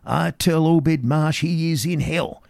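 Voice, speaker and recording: A man's voice: on the high side, takes it slowly, gravelly, darkish tone, dry recording, clean studio sound. A man reading aloud, voicing a terrified, rambling old man who rants in a rustic dialect. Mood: frantic. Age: older. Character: wild-eyed terrified old male drunkard. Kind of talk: dramatic reading.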